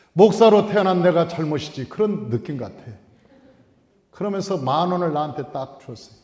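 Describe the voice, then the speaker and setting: A male pastor whose voice is on the high side tells stories from the pulpit of a church sanctuary, shifting from quiet asides to loud, emphatic bursts. The recording echoes like a hall.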